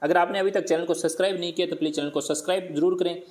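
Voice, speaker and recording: A man teaching primary pupils, slowly repeating words and sounding them out, asking questions and answering them himself. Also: high voice, steady tone, a little mellow. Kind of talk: worksheet lesson for primary pupils.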